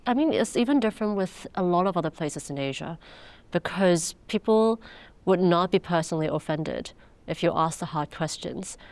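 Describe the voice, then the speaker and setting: Young hong kong woman talking on a podcast, low smooth voice, takes her time with lots of ums. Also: lively intonation, darkish tone. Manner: thoughtful, measured, with frequent fillers. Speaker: guest. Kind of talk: interview conversation.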